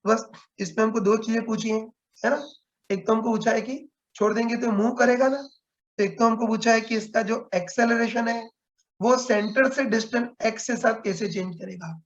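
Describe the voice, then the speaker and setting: A man's voice: extremely high pitch, fairly even intonation, moderate pace, lo-fi sound. A man teaching a physics class online, explaining step by step and checking in with students often. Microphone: video call.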